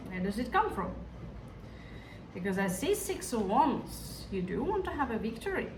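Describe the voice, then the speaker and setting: A tarot reader with a Hindi-influenced accent speaks in a slightly high, very animated woman's voice at a moderate pace. She muses hesitantly through the reading and often talks straight to her viewers. The recording has an echoey room, a distant mic, and background noise.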